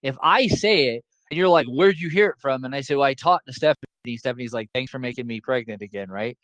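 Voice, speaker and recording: A man's voice: mid-range voice, fast talker, fairly bright tone, no room sound, low-quality recording. Man teacher on a video call, casual joking lecture, dry sound, repeats points. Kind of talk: casual online class lecture.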